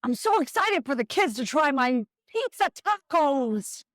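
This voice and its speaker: A woman's voice: sits high, big pitch swings, unhurried, no echo, clean studio sound. A woman playing a peppy, wisecracking school lunch lady heroine in a hammy comic skit, full of exclamations. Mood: brisk, sassy. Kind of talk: live comic audiobook-style skit.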